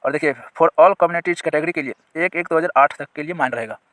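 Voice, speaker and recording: A man's voice: on the high side, a bit bright, no echo. Man explaining a job notice, dry sound. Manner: reads out notice clauses slowly, then explains them plainly; asks viewers questions and points them to sections on screen. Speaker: exam-prep teacher.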